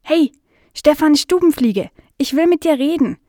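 A woman voicing an eager, easily indignant young female dog in a children's audio story, speaking high and loud. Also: lively intonation, normal speed, dry recording, studio quality, lightly acted. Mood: insistent.

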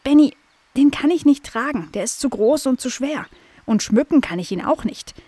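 A woman's voice: high voice, expressive, normal speed, warm tone, slightly rough, no room sound, voice pushed up. A woman voicing a curious, cheerful young female dog in a children's audio story, talking eagerly.

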